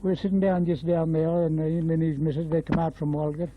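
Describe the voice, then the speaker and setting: A man's voice: a little high, level tone, fast talker, slight background noise. An Australian man in his nineties reminiscing in a casual, rambling old man's way, often repeating himself. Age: 90s. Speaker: interviewee, former bush labourer. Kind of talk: casual oral history reminiscence. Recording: dull lo-fi field interview tape.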